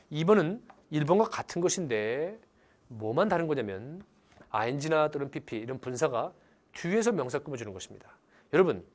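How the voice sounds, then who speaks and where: Lively, animated male grammar teacher. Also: fairly high pitch. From Korea. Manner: lively, theatrical, asks the class questions often. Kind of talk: animated lecture with acted-out examples.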